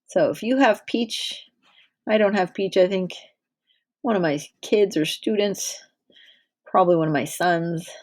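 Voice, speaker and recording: A woman's voice: medium pitch, measured pace, pauses often, a little mellow. A woman teacher in her thirties leading a drawing lesson for small children, patient and encouraging. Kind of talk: directed drawing lesson for young kids.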